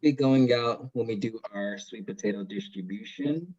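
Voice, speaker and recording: A man's voice: medium pitch, moderate pace, darkish tone, highs cut off. A man answering garden questions in an online Q&A, his video call audio breaking up, with brief, matter-of-fact answers. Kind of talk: online Q&A session.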